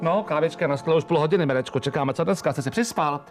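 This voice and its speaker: Brief: man doing a high-voiced, nagging older lady for a comic sketch. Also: over music, natural voice. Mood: fussing. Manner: fussy, scolding, exclaiming. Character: chatty fussy older woman, housewife type. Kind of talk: comedy sketch acting.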